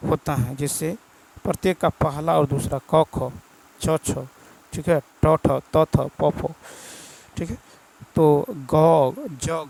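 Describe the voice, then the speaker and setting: A man's voice: on the high side, vocal fry, darkish tone, poor audio. A male teacher, with a Bihar Hindi accent, goes through exam prep answers, reading each question and then repeating the answer.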